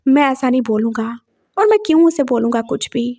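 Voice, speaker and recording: A gentle, trusting middle-aged father in a read-aloud story, voiced by a woman narrator. His lines come out high-pitched and reassuring. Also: lively intonation, fairly quick.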